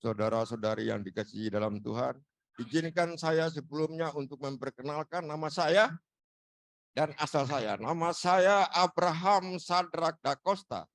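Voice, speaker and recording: A man from Ambon speaks at a church fellowship gathering with a high voice, earnest and preacherly. He lifts his delivery when quoting scripture. The sound is dry and close. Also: moderate pace, no room sound. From Ambon, Indonesia. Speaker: church member sharing. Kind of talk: sermon-style sharing.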